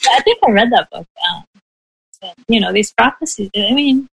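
A woman professor in a conversational interview, explaining her teaching with frequent soft laughs and "right?" tags. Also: on the high side, lively intonation, moderate pace, gravelly, slightly rough, rough recording. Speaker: professor, guest.

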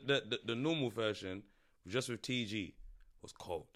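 A man's voice: lowish voice, normal speed, crowd noise. A man with a London roadman accent in casual podcast chat, slangy and repetitive, often checking that he is being followed. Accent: London, urban roadman slang. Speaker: podcast host.

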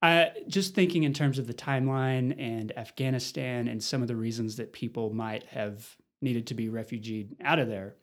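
A man's voice: mid-range voice, moderate pace, few pauses. A man hosting an interview podcast, asking questions in a friendly, conversational way. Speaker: podcast host. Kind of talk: casual interview.

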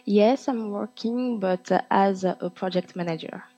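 A woman in her twenties from Ivory Coast, a native French speaker, answering in halting English with an Ivorian French accent in a casual interview. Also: medium pitch, dark tone, muffled recording. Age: 20s. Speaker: interview guest.

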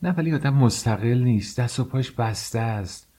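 A man's voice: mid-range voice, expressive, mellow, voice pushed up, natural voice. A man voicing an anxious pleading young wife. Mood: hesitant. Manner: pleading, hesitant. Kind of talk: audiobook character reading.

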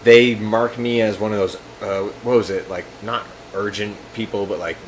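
A man's voice: fairly low pitch, fairly even intonation, normal speed, slight background noise. A young man telling crude, joking anecdotes in casual chat over drinks. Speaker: guest.

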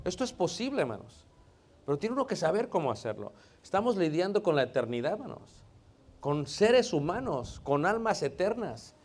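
A man preaching a sermon in a conversational way, often addressing his listeners as brothers and sometimes rising to loud emphasis. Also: sits high, sing-song, moderate pace, breathy edge.

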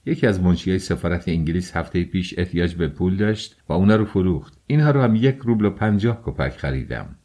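A man's voice: sits low, expressive, few pauses, dark tone. A man reading the lines of an eager, talkative young friend who fusses over a sick companion in an audiobook. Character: cheerful fussing young male friend.

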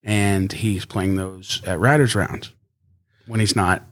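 A country singer chats casually as a podcast guest, rambling in an easygoing way and laughing often. He has a high singing voice with a fairly bright tone, speaking slowly with fairly even intonation.

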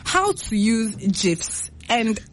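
A young woman chatting casually on a podcast, animated, acting out what her parents say. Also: a little high, extremely slow, slight background noise. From Ghana. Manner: animated storyteller, acts out parents' lines. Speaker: podcast co-host. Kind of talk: casual group chat.

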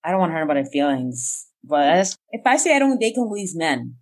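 A young woman with an unusually low voice speaking as a podcast guest. She talks frankly in a casual chat, and her opinions come out animated. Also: fast.

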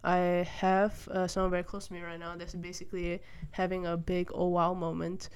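Her voice fairly low and clear, with a darkish, resonant tone, little pitch movement and normal speed, a young woman from Malaysia hosts a solo podcast. She talks through her views thoughtfully in a casual monologue, hesitant and full of fillers and restarts. She sits by a window as it rains outside.

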